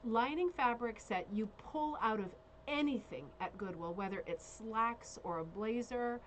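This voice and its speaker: Her voice fairly high and her pace a little slow, the woman serves as bingo caller on a laid-back live craft show. She chats casually, keeps checking in with viewers, and reads out details, while background noise is clearly audible.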